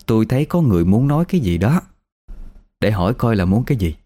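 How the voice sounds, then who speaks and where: A man's voice: fairly low pitch, big pitch swings, fast talker, mellow. A man voicing a brusque, commanding older woman fortune-teller.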